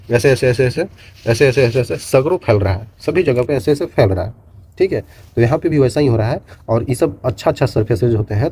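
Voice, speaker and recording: A man's voice: medium pitch, warm tone, husky. A man teaching a physics lesson to students, explaining step by step and mixing in English terms while addressing them as children. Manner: explains with repeated gestures and "bachon" asides, mixes Hindi and English. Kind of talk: classroom lecture to students.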